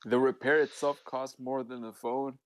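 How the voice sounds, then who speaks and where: A man's voice: mid-range voice, flat delivery, normal speed, no echo. A nineteen-year-old man from Costa Rica co-hosting a casual podcast, rambling and swearing freely. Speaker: podcast co-host. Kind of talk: casual chat.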